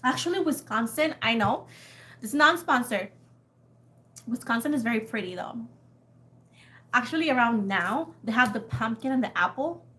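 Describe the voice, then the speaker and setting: Her voice bright, forceful and a little high, this young Puerto Rican tarot reader talks expressively at a moderate pace with frequent pauses. She rambles casually with her livestream viewers in a Puerto Rican accent, laughing often and swearing in passing.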